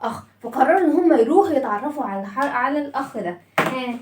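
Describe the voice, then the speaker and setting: Egyptian woman, children's phonics teacher, high voice, call-and-response, echoey room. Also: expressive, very fast, distant mic, background noise. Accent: Egyptian Arabic. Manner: storytelling the letters as characters.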